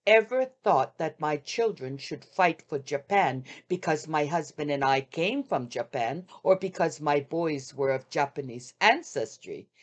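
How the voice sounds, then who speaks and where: Older woman reading slowly with feeling. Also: sits low. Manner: measured, heartfelt reading with drawn-out pauses. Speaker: reader of wartime memoirs. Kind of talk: reading a first-person memoir aloud. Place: home room with shoji screens. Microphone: video call webcam.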